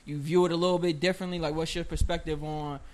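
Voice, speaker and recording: Higher-voiced casual male interviewer. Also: little pitch movement, fast talker. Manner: casual, heavy use of filler "like".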